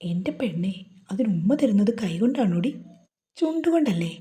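A woman's voice: mid-range voice, sing-song, normal speed, warm tone, natural voice. Woman voicing a sulky, teasing young husband. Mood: tender teasing.

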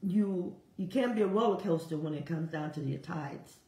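A woman preaching a sermon, urging listeners with fervent, repetitive exhortation and sudden leaps in pitch. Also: moderate pace, dark tone, reverberant, rough recording.

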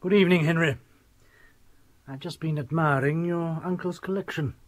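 A male actor plays a prickly British physician in a radio play. His voice is raspy and a little high, and he talks down to people in cool, measured phrases. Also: fairly even intonation, no echo, natural voice. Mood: polite. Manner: measured, condescending. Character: cool, haughty male family doctor, prickly. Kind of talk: radio drama acting.

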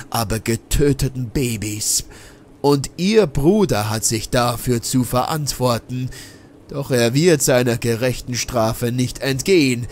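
A man's voice: mid-range voice, a little hiss or hum. Man voicing a mocking, vengeful old madman. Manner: slow, mocking, menacing. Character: eerie old man, a scheming vengeful mad scientist. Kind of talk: audiobook horror reading.

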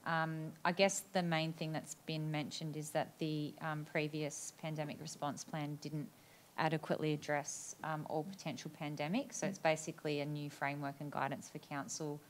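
An Australian woman councillor speaking in a meeting, measured, with frequent ums. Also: deep voice, little pitch movement, slight background noise. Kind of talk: formal council speech.

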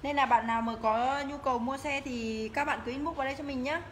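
Woman doing a live shop sales pitch, kinda high voice, noisy echoey phone audio. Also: steady tone, quick pace. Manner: promotional, repeatedly urging viewers to get in touch. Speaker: motorbike shop livestream seller. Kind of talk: live sales pitch, casual product walk-through. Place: tiled indoor motorbike showroom rooms and stairwell. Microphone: handheld phone, held by the walking speaker. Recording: noisy phone audio in echoing hard-walled rooms.

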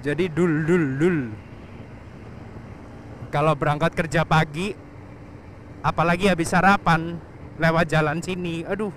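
A man's voice: fairly high pitch, steady tone, a little slow, pauses often, a bit bright. A young man on a motorcycle, chatting casually to the camera as he rides, laughing often and talking about himself in the third person. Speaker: motovlogger. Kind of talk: casual riding commentary. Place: on a motorcycle on an open road outdoors. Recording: faint wind and traffic noise.

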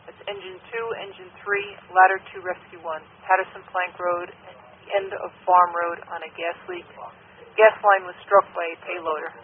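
High-voiced male dispatcher on tinny radio. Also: little pitch movement, normal speed. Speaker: fire dispatcher. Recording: tinny radio channel, faint noise.

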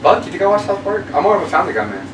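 A man's voice: high voice, very animated, rapid-fire. A young man bantering casually through a challenge game, blunt and teasing. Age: young adult. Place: small curtained room indoors. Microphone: camera a few feet away. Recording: roomy, distant camera mic, faint hum.

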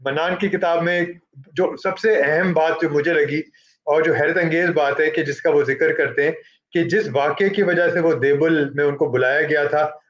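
Halting man moderating a panel. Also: on the high side, dull audio. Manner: halting, frequent fillers, slips into English phrases. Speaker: moderator introducing an author. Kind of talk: book launch panel introduction.

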